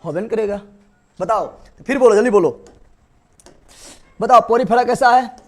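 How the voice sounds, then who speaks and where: A young male teacher, giving a classroom biology lecture and drilling students with repeated quick questions. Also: high voice.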